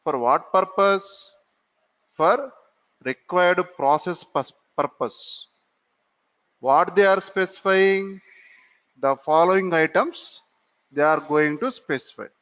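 A man teaching a computer class, speaking slowly, repeating phrases and asking himself questions before answering them, in a classroom. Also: high voice, a bit bright. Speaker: computer course instructor. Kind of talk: classroom lecture. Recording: dull lo-fi recording in a reverberant room.

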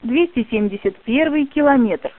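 A woman reading out station names in prerecorded train announcements, heard over the intercom in a clear, formal way. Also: high voice, animated. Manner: clear, formal, measured naming. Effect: played over a train intercom. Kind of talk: prerecorded station name readouts. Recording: narrow phone-like dry sound.

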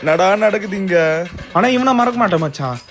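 Chatty high-voiced man, music behind. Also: animated, a little fast. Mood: nostalgic. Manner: chatty, nostalgic banter. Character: nostalgic young man just out of a coma. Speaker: sketch comedian.

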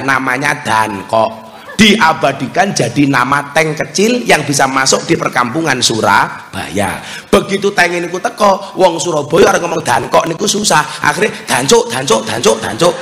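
Man, Javanese accent, preacher, comedic sermon, bright voice, long hall reverb. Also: fairly high pitch, sing-song, moderate pace, faint music behind. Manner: joking, teasing the audience. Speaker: Islamic preacher.

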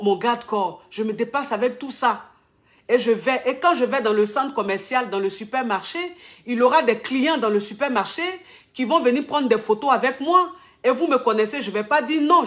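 Woman influencer, indignant live-video monologue, emphatic and repetitive, somewhat high-pitched. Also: fairly bright tone. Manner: emphatic, repeats phrases for stress. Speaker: social media influencer.

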